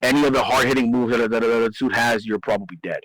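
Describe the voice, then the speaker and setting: A man walks through game tactics in a relaxed podcast chat, stumbling over and repeating words as he presses his points. His voice sits at a middle pitch. The sound is close and dry with no room around it. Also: fast talker, no room sound, rough recording. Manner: explanatory, repeats himself, emphatic. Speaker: host. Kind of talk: casual gaming strategy discussion.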